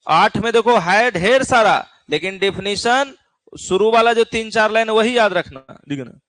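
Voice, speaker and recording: A man's voice: sits high, animated, normal speed, fairly bright tone, no echo. A middle-aged man with a Bihari accent teaching an exam-prep physics class in a folksy way, often checking in with his students. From Bihar, India.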